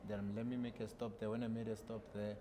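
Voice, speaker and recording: A man with a fairly low voice talks through his stories in an easygoing way, pausing on "uh" and "um" as he remembers dates and places. He is a guest on a studio podcast from South Africa, and a steady ambient hum sits clearly behind him. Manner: relaxed storytelling with frequent fillers. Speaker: podcast guest, long-distance walker. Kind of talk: casual interview chat.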